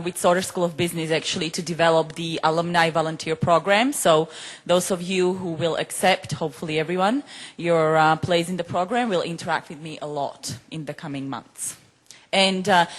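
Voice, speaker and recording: A woman from Slovakia, speaking playfully with some hesitations. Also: fairly low pitch. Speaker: alumni volunteer coordinator.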